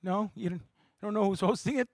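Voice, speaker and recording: A man doing stand-up comedy, animated and quick to switch voices. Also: high voice, no echo, clean studio sound. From Montreal, Canada. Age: 40s. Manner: animated, jumps between voices and languages. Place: theatre studio.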